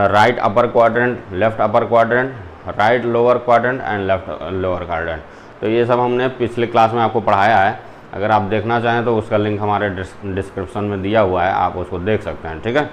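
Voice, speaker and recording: A man's voice: fairly low pitch, steady tone, moderate pace. Man teaching a lecture, faint noise. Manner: explains step by step, mixing in English terms. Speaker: zoology teacher. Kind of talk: classroom lecture.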